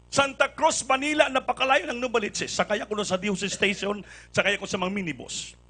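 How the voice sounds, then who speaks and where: High, bright-voiced male preacher. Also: brisk. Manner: animated storytelling, acting out dialogue; mixes in English phrases. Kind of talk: Filipino church sermon with testimony.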